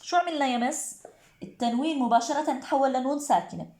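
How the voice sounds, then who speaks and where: A woman teacher with a Levantine Arabic accent, explaining poetic meter to exam students. She asks and answers her own questions and chants syllables slowly. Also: high-pitched, darkish tone, reverberant.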